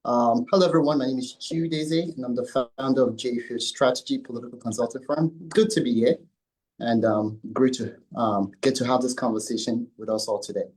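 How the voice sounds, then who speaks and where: A man, founder of a consulting firm, answering interview questions with many pauses, fillers and restarts. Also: mid-range voice, a little mellow, breathy edge, rough recording. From Nigeria. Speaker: company founder and CEO, guest.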